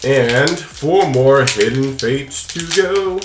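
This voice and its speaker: Music plays behind a young adult man who hosts a card-opening channel. He opens trading cards in a small home room, chatting casually and playfully with viewers and his pet. His mid-range voice is animated and slow-paced, and the sound is roomy.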